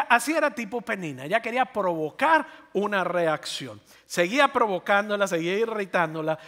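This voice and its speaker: High, bright-voiced preacher in a reverberant hall. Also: male voice. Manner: animated preaching with rhetorical questions to the audience. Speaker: pastor. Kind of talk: sermon.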